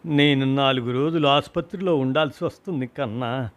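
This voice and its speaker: A man's voice: medium pitch, normal speed, lightly acted. A man reading as a grieving husband. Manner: emotional, rising to cries at peaks. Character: grieving husband recalling his mother's death. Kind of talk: storybook reading.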